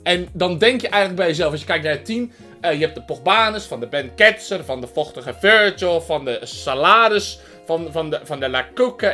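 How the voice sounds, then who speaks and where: A man chatting loudly and playfully as a gaming vlogger, joking around and slipping into silly voices. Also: high-pitched. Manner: loud, playful, jokey, shifts into silly voices. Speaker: gaming YouTuber. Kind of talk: excited gaming vlog chat.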